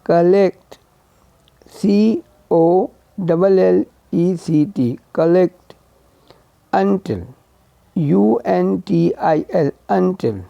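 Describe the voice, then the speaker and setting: A man's voice: sits high, drawn-out words, vocal fry, mellow, no echo. A man teaching English vowel sounds, spelling each word letter by letter and repeating it. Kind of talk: slow spelled-out phonetics lesson. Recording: dull lo-fi sound.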